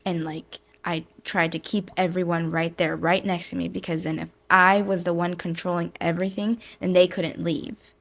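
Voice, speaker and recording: Young woman with a gravelly low voice. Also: flat delivery, normal speed, hardly any pauses. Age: young adult. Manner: talkative, many fillers. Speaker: guest. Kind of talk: casual testimony.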